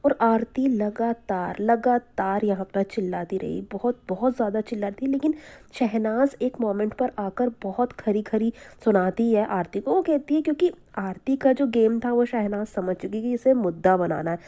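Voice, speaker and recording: A woman's voice: on the high side, moderate pace, dark tone. A woman giving a spoken review of a reality show, opinionated and repeating her points for emphasis.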